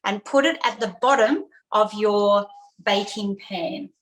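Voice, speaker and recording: A woman's voice: mid-range voice, unhurried, low-quality recording. A woman hosting an online cooking lesson for kids, chatty, repeating key steps with fillers, on a video call. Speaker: cooking class host.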